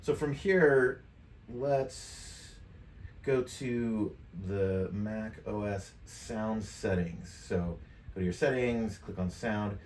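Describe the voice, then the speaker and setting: A middle-aged tutorial presenter walks through a software task step by step in a casual, informal way, thinking aloud as he clicks. His voice is fairly low and very slow. He's at a computer desk in a home studio room, recorded on a USB microphone set some distance from his mouth, and the room is echoey with clear background noise.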